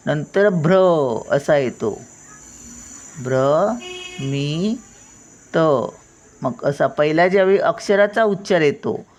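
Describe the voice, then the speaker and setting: An older woman teaching a spelling lesson, patiently sounding words out syllable by syllable. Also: deep voice.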